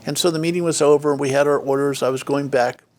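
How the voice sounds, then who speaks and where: An older man, once a state official, speaks as an interview guest, looking back on his career through stories. His voice is a little high and darkish, steady in tone, and he talks fast. He restarts often, uses plenty of fillers, and acts out the dialogue he quotes.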